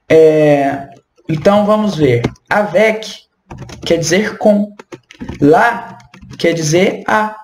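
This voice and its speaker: A woman teaches French in an unhurried, patient way, saying each word again and again so it can be copied. Her delivery is slow and easygoing. The room around her voice is echoey. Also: medium pitch, a little hiss or hum. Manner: patient, repeats words slowly to model pronunciation. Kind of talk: online language lesson.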